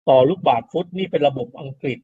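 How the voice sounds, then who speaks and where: A middle-aged man teaching a class in a fairly high voice, working through each step and repeating the key terms. He keeps asking rhetorical questions before answering them himself. The recording sounds muffled and lo-fi. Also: fast talker, slightly rough. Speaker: university lecturer. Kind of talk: classroom lecture on soil mechanics.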